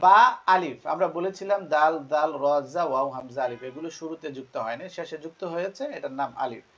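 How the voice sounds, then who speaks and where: A Quran teacher giving an online class, calling out letter names one at a time and stressing some of them loudly. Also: medium pitch, fast, lo-fi sound, soft background music.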